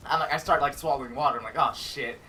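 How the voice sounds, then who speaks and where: A young man in casual gaming chat, telling a story with animation and acting out his own panicked shouts. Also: a little high, very fast, a crowd in the background. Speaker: cast member telling a story. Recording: voice a little distant from the mic, faint hiss.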